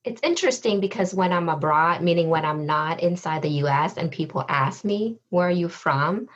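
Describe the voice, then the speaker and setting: A woman from Vietnam, a social worker and therapist, giving thoughtful, measured answers in a podcast interview. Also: on the low side, lo-fi sound. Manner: thoughtful, measured, with frequent ums.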